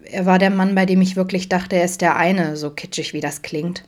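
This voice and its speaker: A woman voicing Vincent, a grown man who chats openly and teases his friends, read in her own fairly low voice. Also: steady tone, moderate pace, lightly acted. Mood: wistful. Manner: chatty, teasing. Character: adult man, camp cook, open and teasing.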